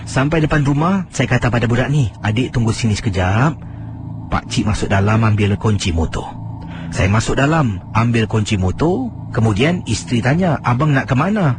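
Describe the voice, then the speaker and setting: A man, a radio host telling listeners' horror stories late at night, slowing down and dropping his voice low for suspense. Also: expressive. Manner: dramatic storyteller, slows and drops low for suspense. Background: music bed.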